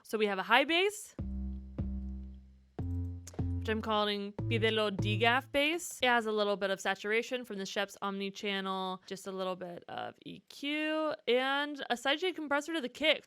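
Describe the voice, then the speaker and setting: Music from the track she's demonstrating plays behind a woman with a fairly high, fairly bright voice. A musician teaching, she walks through music production casually and enthusiastically, using informal, slangy language.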